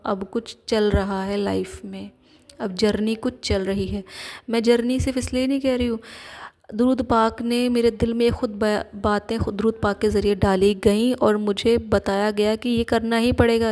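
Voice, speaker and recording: A woman's voice: fairly high pitch, darkish tone. A woman giving an earnest religious talk, sharing her personal testimony. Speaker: religious speaker.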